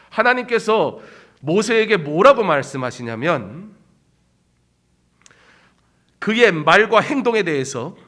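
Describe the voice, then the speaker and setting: A man preaching a Sunday sermon, acting out quoted voices and swinging between loud outbursts and hushed asides. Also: fairly high pitch. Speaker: pastor.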